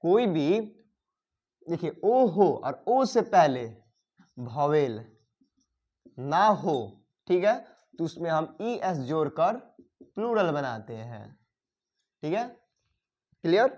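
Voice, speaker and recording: ऊँची आवाज़ वाले हिंदी शिक्षक. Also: male voice, on the high side, sing-song, a little mellow, muffled recording. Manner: repeats "ठीक है" often, dictates rules slowly. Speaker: English grammar teacher. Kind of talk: classroom-style grammar lesson.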